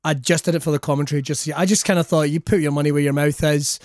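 Sweary Scottish man, slightly high voice. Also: steady tone, fast talker, a little mellow, dry recording, studio quality. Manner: sweary, jokey, acts out quoted lines. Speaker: wrestling commentator and guest. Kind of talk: casual anecdotal chat.

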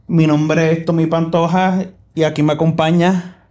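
Recorded in a church live room, this podcast host from South Texas has a fairly high male voice and talks at a normal speed. His casual chat is loose and chatty, circling back with lots of fillers and restarts, and he comes across as easygoing, laughing readily.

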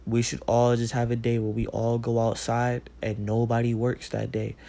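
A man's voice: medium pitch, monotone, normal speed, vocal fry, warm tone. Man ranting casually, profane and rambling. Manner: profane, rambling, heated, repeats "like". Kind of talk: casual rant.

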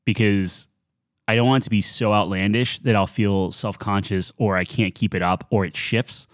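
A man's voice: lowish voice, fairly even intonation, moderate pace, no room sound, studio quality. A man co-hosting a podcast, joking and riffing loosely in casual chat. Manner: loose, joking, riffs and banter. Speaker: podcast co-host.

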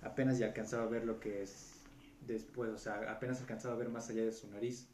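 A man's voice: fairly low pitch, level tone, fast, a little mellow. Man telling a story in an echoey room. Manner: casual and rambling, with slang and filler words. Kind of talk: casual chat, telling a story. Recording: roomy echo with faint background noise.

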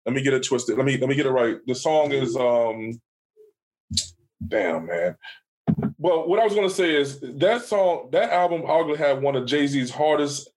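A man co-hosting a podcast in casual chat, emphatic and excited about his picks. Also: medium pitch. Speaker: podcast co-host.

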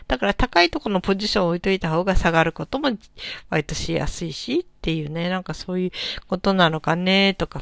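A middle-aged woman hosting a casual solo talk show, musing gently and thinking aloud with many soft fillers. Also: fairly low pitch, vocal fry, no room sound, clean studio sound. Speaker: solo podcast host.

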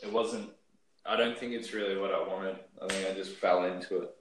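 Aussie bloke from north queensland, laid-back chat, bit low, echoey kitchen with cooking noise. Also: fairly even intonation, fairly quick. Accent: North Queensland Australian. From Australia. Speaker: guest in a chat with a stranger. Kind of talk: casual chat.

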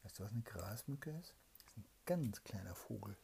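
A woman reading a fairy tale aloud to her child in a raspy, hushed whisper. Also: a bass voice, lively intonation, a little hiss or hum. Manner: hushed, slow, soothing reading. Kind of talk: whispered bedtime story reading.

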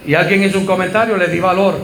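A man preaching a fervent sermon as pastor, telling stories of congregants and building up to shouts. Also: high voice, fairly even intonation, fast, echoey room, a little hiss or hum, poor audio. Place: church.

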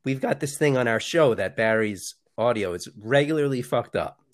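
A man's voice: mid-range voice, lively intonation, moderate pace. A middle-aged man who is a guest on a casual podcast, talking in a blunt, jokey way and teasing his co-host.

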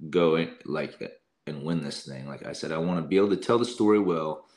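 A man's voice: extremely low pitch, a little fast. A young man, a singer and guest, telling stories in a casual interview and often quoting himself. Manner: lively storyteller, quotes himself often.

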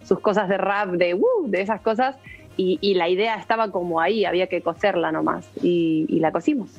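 Argentine woman, lively casual talk. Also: fairly low pitch, a little fast, slightly rough, dull audio, faint music behind. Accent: Argentine Spanish. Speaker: church music and arts team member. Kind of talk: casual video call chat.

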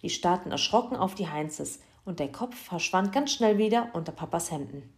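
A woman reading a children's story aloud in a lively, expressive way. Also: on the low side, normal speed.

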